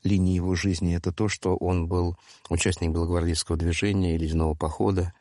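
A man in his sixties telling a story in a conversational, digressive way, with halting restarts. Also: deep voice, level tone, darkish tone, dry recording, clean studio sound. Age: 60s. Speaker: storyteller guest.

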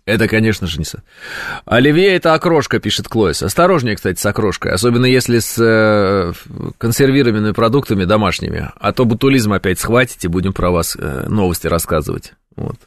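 A man's voice: fairly low pitch, expressive, fairly quick, no echo, clean studio sound. A man hosting a talk show, reading listener messages aloud and answering them with ironic, mock-indignant banter. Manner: ironic, mock-indignant, mimics callers in silly voices.

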